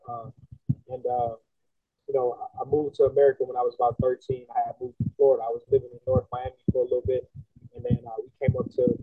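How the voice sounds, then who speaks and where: A young Bahamian man, a singer and songwriter, chats casually as an interview guest in a laid-back, slangy way, getting animated when he makes a point. His mid-range voice is slightly rough. The dry recording has no room sound and comes through a tinny, phone-like line.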